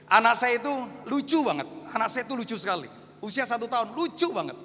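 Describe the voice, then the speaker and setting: A male pastor in his thirties preaching a storytelling sermon to a congregation, moving between hushed and fervent delivery. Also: extremely high pitch, big pitch swings, quick pace, a little hiss or hum. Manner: storytelling, addresses congregation as Pak and saudara; swings from hushed to loud, fervent. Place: church hall. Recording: long echo of a church hall.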